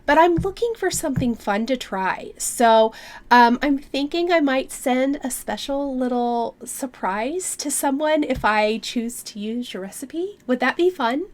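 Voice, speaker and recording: A woman vlogging about her stitching in a casual, chatty way, slightly nasal from a cold, with lots of ums. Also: sits high. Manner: chatty, friendly, many fillers. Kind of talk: casual chat to camera.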